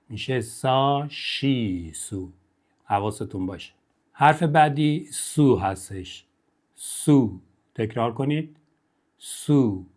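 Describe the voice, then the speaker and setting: A man teaching a step-by-step Japanese lesson, counting the strokes aloud and repeating each syllable for learners to copy. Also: medium pitch.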